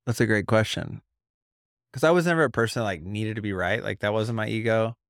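A man's voice: lowish voice, a little fast, creaky, dry recording, clean studio sound. A man in casual podcast conversation, thinking aloud and searching for words, with many likes.

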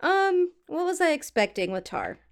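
A woman's voice: high-pitched, big pitch swings, moderate pace. A woman co-hosting a casual podcast, giggling through short replies while she has the hiccups. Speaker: podcast co-host. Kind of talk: casual chat.

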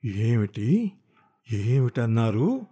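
A man voicing an angry, jealous young wife who wails and hurls shrill accusations in an audiobook. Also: expressive, a little fast, warm tone. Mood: menacing. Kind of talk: audiobook character voice.

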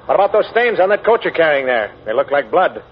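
An actor playing a stubborn, gloating police inspector, blunt and needling, in 1940s radio style. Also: male voice, fairly high pitch, sing-song, fast talker. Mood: accusing. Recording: muffled, noisy 1940s radio recording.

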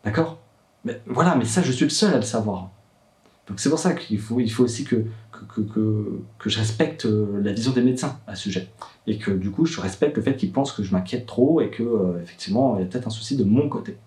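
A man's voice: on the low side, animated, fairly quick, dark tone, echoey room, recorded from a distance. A young man, a worried father, telling his story in a hesitant vlog monologue full of fillers and restarts. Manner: hesitant, many fillers and restarts, rising when upset.

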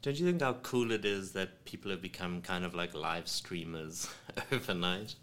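A South African man with a low, slightly bright voice speaks at a normal pace as a guest in an interview, rambling casually with plenty of ums and restarts. He heads a creative studio and is recorded on a studio microphone in his home studio.

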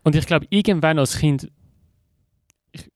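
A man with a Swiss German accent recounting a childhood memory in a relaxed, teasing podcast chat. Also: fairly high pitch, measured pace, no echo, clean studio sound. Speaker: podcast co-host, band member. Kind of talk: casual chat.

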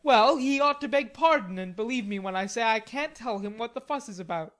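Stubborn, hot-tempered teenage lad, played by a female reader; storybook dialogue, emphatic, higher-pitched delivery. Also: expressive, fairly quick, natural voice. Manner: emphatic, protesting. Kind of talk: audiobook character reading.

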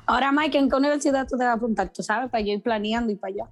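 A woman's voice: a little high, rapid-fire, soft background music. A young woman, chatting and reminiscing casually as a student podcast guest. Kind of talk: casual chat.

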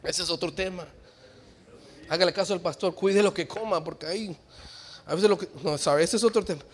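Male preacher, very high voice, loud calls that drop to quiet asides. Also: fairly quick. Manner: swings between shouted exhortation and quiet joking asides. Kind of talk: sermon. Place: church.

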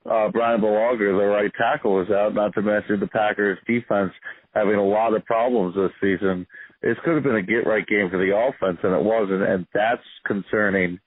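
A man giving measured, critical sports analysis as a guest on a podcast. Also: lowish voice, dry recording. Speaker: guest contributor. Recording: dry, tinny phone-like line.

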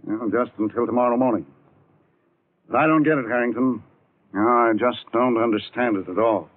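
Actor as a baffled district attorney, earnest, puzzled, tinny 1940s radio sound. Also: male voice, medium pitch, moderate pace, noisy background, natural voice.

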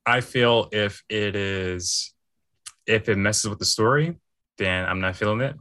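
A man co-hosting a podcast, giving slow, halting opinions with repeated words in casual chat. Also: lowish voice, pushed and bright, dry recording. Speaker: podcast co-host.

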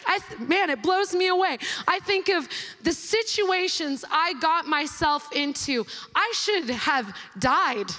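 A woman preaching passionately at a conference, swinging between excited and hushed. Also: very high-pitched. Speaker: conference speaker. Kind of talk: sermon. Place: conference hall. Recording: large hall reverb.

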